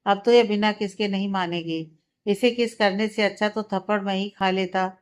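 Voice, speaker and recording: A serious young lawyer, read by a woman narrator, keeping his irritation in check as he talks firmly. The voice is clear and smooth, close to the reader's own. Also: medium pitch, fairly even intonation, moderate pace, natural voice. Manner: firm, restrained irritation. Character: serious, short-tempered young male lawyer.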